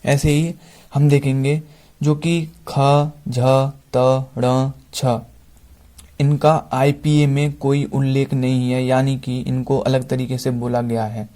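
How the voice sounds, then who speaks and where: A man with an Indian accent teaching English phonetics in Hindi, slowly repeating each example word. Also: mid-range voice, flat delivery, dark tone. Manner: slow, repeats example words one by one. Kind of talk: Hindi-language phonetics lesson.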